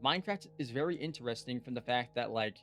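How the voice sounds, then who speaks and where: A man's voice: medium pitch, lively intonation, fast talker, fairly bright tone. A young man giving rambling, earnest casual commentary while he plays a game, full of fillers and restarts, with faint music behind him. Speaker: gaming YouTuber.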